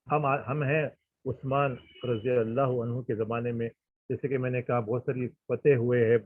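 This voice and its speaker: Man, informal history lecturer; husky, dry, phone-like sound; throat-clearing, filler-heavy delivery. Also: mid-range voice, dry recording. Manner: explanatory, frequent fillers and throat clearing, mixes in English. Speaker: Islamic history teacher. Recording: husky voice on a tinny phone-like line.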